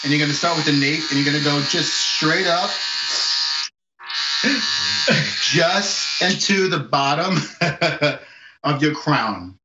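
A man in his forties, a barber, giving a relaxed haircut lesson from home over a video call, laughing often. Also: a little high, slow, long pauses, over music. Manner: laughs often, easygoing instructions. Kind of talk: casual how-to demonstration over video call. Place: home room with sloped ceiling. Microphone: video call from far camera. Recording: echoey room, dull lo-fi call audio.

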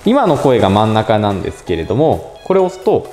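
A man's voice: lowish voice, very animated, a little fast. A young man chatting casually as he walks through a phone app step by step, politely narrating each move and thinking aloud. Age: young adult. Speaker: presenter of a robot pet channel. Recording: echoey indoor room with faint music.

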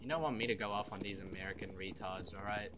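A man's voice: low-pitched, fairly even intonation, fast, very noisy. A man trash-talking his teammates in game voice chat, crude and mocking. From not from the UK. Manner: taunting, crude and loud when laughing. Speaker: gamer in team voice chat.

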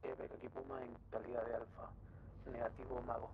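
A man's voice: mid-range voice, flat delivery, fairly quick, gravelly. A man giving clipped, formal radio calls as a radio operator in a military game, heard over a radio channel. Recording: tinny radio line with loud static.

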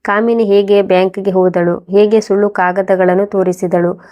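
A woman tells a scripted first-person story in a calm, steady way. Her voice is mellow and dark, and her delivery stays flat, with little rise and fall. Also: mid-range voice, normal speed.

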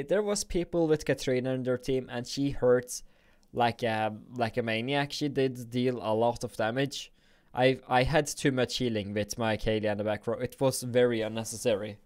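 A young man from Norway, thinking aloud and grumbling playfully while live-streaming a game at his home computer on a boom-arm desk mic. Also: a little mellow. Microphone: desk microphone on a boom arm.

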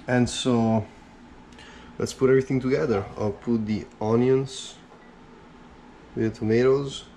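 A cooking vlogger speaks slowly and easily in his small kitchen indoors, chatting while he chops and mixes on a first-person head-mounted camera. His voice is mid-range, with slight background noise.

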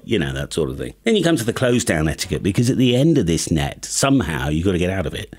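A British man in his fifties who presents a YouTube ham radio channel gives a chatty, wry comic monologue to camera at a quick pace. His low, darkish voice is very animated. He's recorded on a boom-arm studio microphone in a compact home studio fitted with acoustic panels.

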